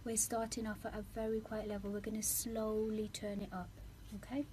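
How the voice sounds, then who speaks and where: A woman working as an audiologist, calmly and patiently explaining a hearing implant fitting in a clinic. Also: medium pitch, fairly quick, slight background noise. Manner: calm, patient, reassuring.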